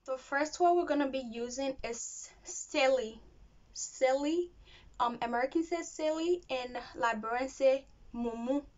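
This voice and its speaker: A woman's voice: high voice, normal speed, few pauses, highs cut off. A young woman, talking casually to camera as a vlogger hosting her own channel. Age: young adult. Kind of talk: casual direct-to-camera vlog talk.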